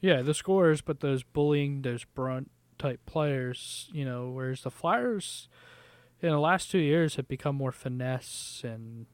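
A man's voice: medium pitch, measured pace, clear, resonant tone, no echo. A young man co-hosting a sports podcast, speaking casually and emphatically, often repeating words as he thinks. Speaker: podcast co-host.

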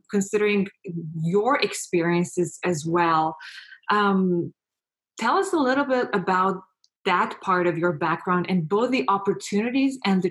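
A woman's voice: medium pitch, a bit bright. A woman hosting a conversation, speaking hesitantly with many fillers and laughing easily. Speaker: podcast host. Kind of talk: casual conversation.

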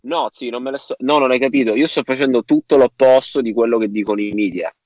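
Emphatic man, mid-pitched, very dry sound. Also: fast, a little mellow, dry recording, dull audio. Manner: emphatic, slangy, repeats phrases, swears casually. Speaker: podcast co-host. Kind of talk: casual chat.

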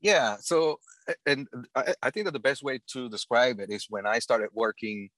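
A middle-aged man from the Dominican Republic, a panel guest speaking earnestly and haltingly in casual conversation. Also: mid-range voice, a bit bright, no echo. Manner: earnest, halting, with frequent restarts.

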